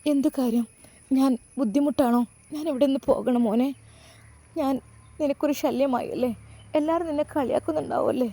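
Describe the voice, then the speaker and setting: A woman's voice: high voice, fairly quick, dark tone, voice pushed up. A woman voicing a grieving, meek young widow who pleads through tears, with a Malabar Malayalam accent. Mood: pleading, tearful. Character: grieving pregnant young widow, gentle and fearful.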